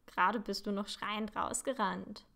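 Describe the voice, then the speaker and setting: A calm teenage wizard boy voiced by a woman reading aloud, soft and teasing with dry humor. He speaks slowly in a quiet, low-set storybook voice. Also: gravelly.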